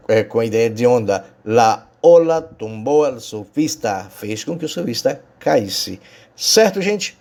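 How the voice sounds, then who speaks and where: A man's voice: mid-range voice, a little mellow. A man with a Brazilian Portuguese accent, teaching a Spanish lesson and explaining patiently, checking in with his students often. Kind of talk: recorded remote lesson.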